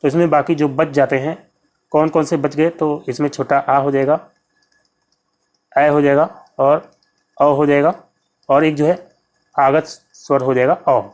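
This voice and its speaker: A young man running an exam-prep lesson, his voice sitting slightly high for a man. He explains each answer patiently and repeats key terms, speaking to viewers as friends. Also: level tone, measured pace, pauses often, a little mellow. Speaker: Hindi exam tutor.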